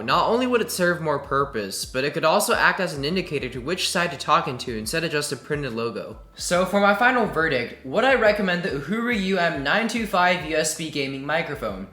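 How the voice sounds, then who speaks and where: A man's voice: a little high, sing-song, brisk, hardly any pauses, sharp tone. A man giving a scripted, upbeat product review into a desk microphone. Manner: upbeat, enthusiastic. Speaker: tech reviewer. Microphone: desk USB condenser mic. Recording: roomy echo, faint music.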